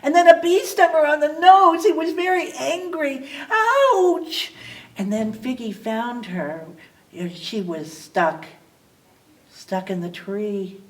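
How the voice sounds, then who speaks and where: A woman librarian reading a picture book aloud at storytime, expressive, with small slips she corrects as she goes. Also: high voice, slow, distant mic, low-quality recording.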